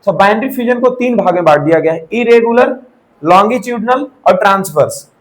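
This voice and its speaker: A young male teacher with a fairly high voice leads a live class. He poses questions and answers them himself, drops English terms into his explanations, and keeps checking that his students follow. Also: lively intonation, fairly quick, low-quality recording. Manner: mixes English terms into Hindi.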